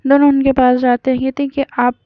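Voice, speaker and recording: A woman's voice: high voice, completely flat delivery, fast talker, dry recording. A woman casually retelling a romance story in a hesitant, conversational way with many fillers. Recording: dull lo-fi recording.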